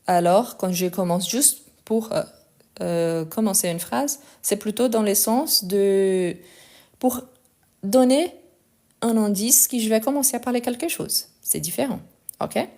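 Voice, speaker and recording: A woman's voice: mid-range voice, measured pace, warm tone. A woman with a non-native accent in French, teaching a live online lesson. She explains step by step, often checks in with the viewers, and tends to speed up as she talks. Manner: tends to speed up while talking.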